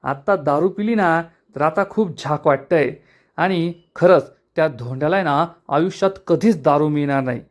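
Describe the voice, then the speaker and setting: A man voicing a boastful, scheming middle-aged uncle who drinks, speaking slowly. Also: a little high, natural voice.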